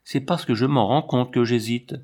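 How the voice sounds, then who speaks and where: A man's voice: mid-range voice, normal speed, darkish tone, close to an everyday voice. A man voicing a weary older woman who is tender but held back by scruples, speaking with sighs. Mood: regretful. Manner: sighing, torn by scruples.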